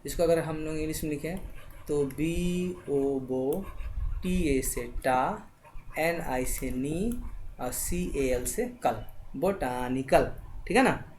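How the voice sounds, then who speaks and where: A woman's voice: low voice, a little mellow, slight background noise. A woman teaching spelling, sounding out words letter by letter and often checking in with her listeners. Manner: slow letter-by-letter spelling, checks in with "thik hai". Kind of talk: spelling lesson.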